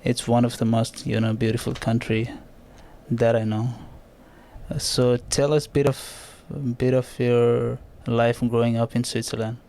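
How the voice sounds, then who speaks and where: A man's voice: mid-range voice, flat delivery, measured pace, mellow. A man hosting a podcast, asking loose questions and laughing along with his guest. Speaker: podcast host. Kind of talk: casual interview talk.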